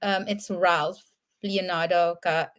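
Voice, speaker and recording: A woman's voice: lowish voice, steady tone, slow pace. Woman hosting an online talk show. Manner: friendly, reads viewer questions aloud. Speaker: host.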